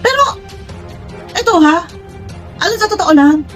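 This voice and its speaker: Her voice is very high-pitched and expressive, a little slow, with soft background music. As a vlogger commenting on online personalities, she talks straight to her viewers in a casual, rambling way full of restarts, blunt and frank, describing herself as direct to the point.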